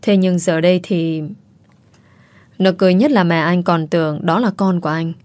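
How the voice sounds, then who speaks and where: A woman, narrating a story in a steady, measured reading. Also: lowish voice, no echo.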